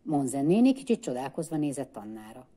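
Woman librarian reading a children's book aloud. Low pitch, very warm dark tone, measured. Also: big pitch swings. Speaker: librarian reader.

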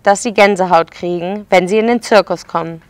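A woman's voice: mid-range voice, brisk, dry recording, lightly acted. A woman voicing a commanding, middle-aged male circus director in a read-aloud storybook.

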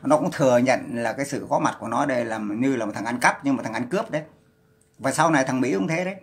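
A man delivers a heated, profane livestream rant. His scolding voice is gravelly with vocal fry and sits at an ordinary middle pitch. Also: fast talker.

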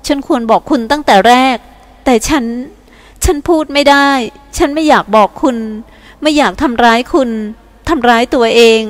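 A gentle alien soul in a woman's body, read by a female narrator, pleads softly through tears. Her voice sits a touch high, in a tender audiobook reading. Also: moderate pace, long reverb tail, close to an everyday voice. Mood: tearful pleading. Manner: soft, sobbing pleas.

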